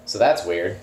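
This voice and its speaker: A man playing a tabletop game, chatting casually and joking with an animated, laughing manner. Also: on the low side, roomy sound. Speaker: player.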